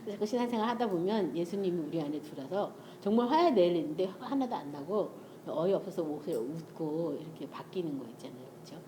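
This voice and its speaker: A woman's voice: fairly low pitch, animated, fast, background noise. A middle-aged woman giving a testimony-style sermon, telling family stories animatedly and acting out the dialogue with frequent laughter. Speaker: church speaker sharing testimony.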